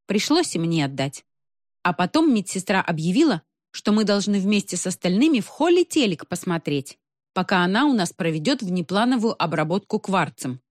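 A woman reading a first-person story aloud in an ironic, expressive manner. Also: mid-range voice, moderate pace, no echo, studio quality. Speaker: narrator.

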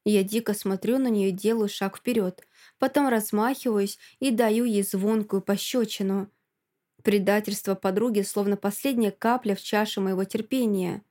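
A woman narrating a first-person story in an expressive audiobook reading. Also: mid-range voice, moderate pace.

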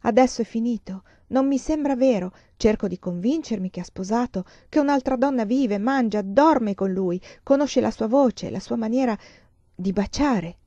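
A woman's voice: a little high, moderate pace, warm tone, dry recording. A woman reader voicing a heartbroken, jilted young woman who speaks in a pleading, broken voice. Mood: brooding. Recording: slightly dull lo-fi recording.

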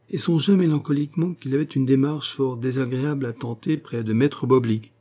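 Mellow-voiced man narrating a novel. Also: medium pitch. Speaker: audiobook narrator. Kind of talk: scripted literary narration.

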